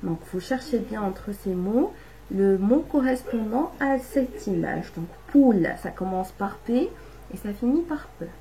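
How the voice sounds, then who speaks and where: Slow, patient woman teaching children. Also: medium pitch, animated, warm tone, poor audio. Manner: slow, patient, syllable-by-syllable explanations. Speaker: primary school teacher. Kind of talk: remote lesson for young children.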